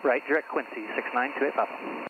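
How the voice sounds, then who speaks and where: A man's voice: mid-range voice, brisk. A male pilot talking over an aircraft radio in clipped radio phraseology. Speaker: private pilot. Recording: tinny radio transmission with faint noise.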